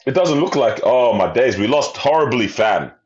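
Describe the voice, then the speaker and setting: A man's voice: medium pitch, expressive, moderate pace. Male podcast host, swooping intonation, bemused banter, muffled recording. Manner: slangy street talk, bemused and exclamatory.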